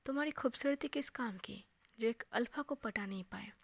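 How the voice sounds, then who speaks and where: A woman's voice: fairly high pitch, normal speed, creaky, breathy edge, no room sound. Brief: a woman doing a scornful young man, taunting and cold, raised voice, dry.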